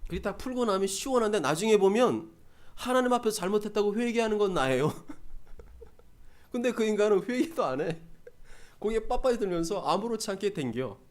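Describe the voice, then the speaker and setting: A man's voice: high voice, animated, fairly quick. A man preaching a sermon as a pastor, conversational and emphatic, with repeated phrases and rhetorical questions to the congregation.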